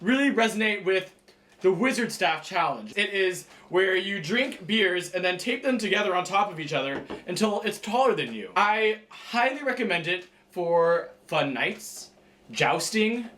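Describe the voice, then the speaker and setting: A man's voice: high voice, animated, unhurried, pushed and bright. A young man co-hosting a casual recap show, talking in a blunt, snarky, jokey way. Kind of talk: casual chat.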